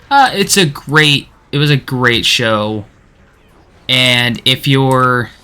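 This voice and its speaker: A man's voice: medium pitch, sharp tone. A man streaming a game, chatting casually and rambling with lots of restarts and fillers. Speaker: gaming streamer. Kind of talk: casual chat while playing.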